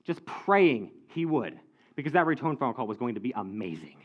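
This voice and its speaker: A teenage boy performing a stand-up comedy story as an animated storyteller who acts out the dialogue. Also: mid-range voice, moderate pace. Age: teens. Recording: dull lo-fi recording.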